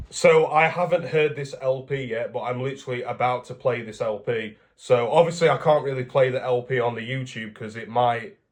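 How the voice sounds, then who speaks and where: Man, from England, casual vlogger, rambling, self-correcting, mid-pitched. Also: fairly bright tone. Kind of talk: casual vlog talk.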